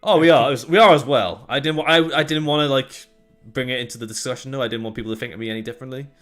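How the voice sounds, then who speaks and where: A young Welshman with a light accent co-hosts a laid-back tech podcast, chatty and joking, rambling and restarting his sentences. His medium-pitched, slightly bright voice moves very fast over soft background music.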